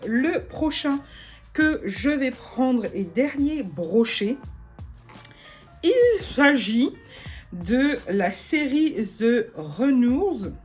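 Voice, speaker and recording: A woman's voice: medium pitch, a little mellow. A young woman chatting casually about books she bought, with lots of fillers and frequent giggles. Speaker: book vlogger. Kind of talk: casual book haul chat.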